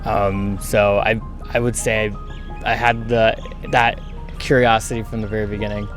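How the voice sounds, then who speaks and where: A man in his thirties from San Francisco, answering street interview questions in a thoughtful, measured way with frequent pauses. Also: lowish voice, flat delivery, over music. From San Francisco, USA. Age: 30s. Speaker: interviewee, traveller.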